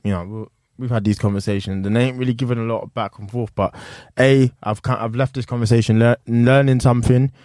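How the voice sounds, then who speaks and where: A man's voice: medium pitch, fairly even intonation, quick pace, hardly any pauses, darkish tone, dry recording, clean studio sound. A man with a London accent hosting a casual interview, reflective and informal, with bits of slang. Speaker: interview host. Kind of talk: casual chat.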